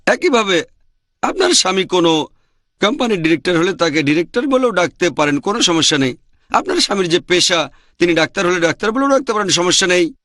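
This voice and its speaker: A man's voice: high-pitched, very animated, a little fast, a bit bright, no echo. A man answering audience questions in a lecture, repeating his points with emphasis.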